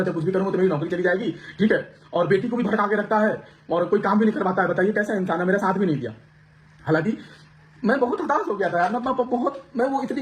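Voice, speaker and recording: A high-voiced man talks to camera, unloading an emotional, aggrieved personal story on his viewers and restarting often. There's slight background noise.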